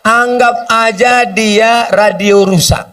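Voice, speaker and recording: A man's voice: high voice, steady tone, slow, a bit bright, distant mic. A man preaching a humorous sermon, often acting out short dialogues between people. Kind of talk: sermon with question and answer.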